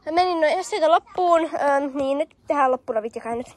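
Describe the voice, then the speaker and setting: A woman's voice: high voice, darkish tone. A young woman vlogging outdoors on a field with a handheld camera, chatting casually with many fillers and calling out commands. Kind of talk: casual hobby-horse riding vlog.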